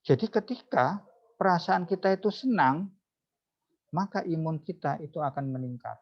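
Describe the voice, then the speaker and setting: A man's voice: a little high, animated, normal speed. A psychologist giving an online seminar talk, often asking his audience rhetorical questions and addressing them formally. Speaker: psychologist speaking at a webinar. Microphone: video call. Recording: dull lo-fi video call audio.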